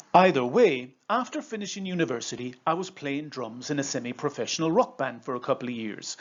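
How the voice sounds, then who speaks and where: Casting: Irish man, 50s, mid-pitched, measured storytelling presenter and trainer, slightly dull lo-fi recording. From Ireland. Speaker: coach and trainer. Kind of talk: prepared video presentation with storytelling.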